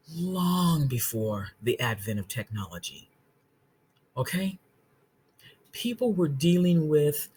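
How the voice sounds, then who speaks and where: In a deep, slightly mellow voice with a little hiss or hum in the background, an online Bible teacher explains verses earnestly during an informal talk. She slowly reads scripture aloud, keeps restarting sentences, and repeatedly asks "okay?"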